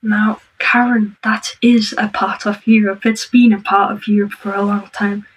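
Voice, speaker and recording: A woman talks over a clip she is reacting to. Her voice stays flat in pitch, she pauses with many ums, and she spells things out slowly. She sits a little away from the mic, so she sounds distant. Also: husky. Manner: hesitant, full of ums, slow careful explaining. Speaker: reaction video host. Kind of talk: commenting on a played clip.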